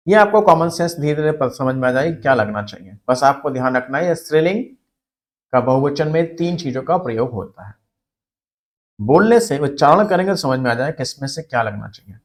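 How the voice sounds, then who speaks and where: A man's voice: mid-range voice, animated, brisk. A man teaching a spelling and grammar lesson for exam students, explaining step by step and repeating words for emphasis.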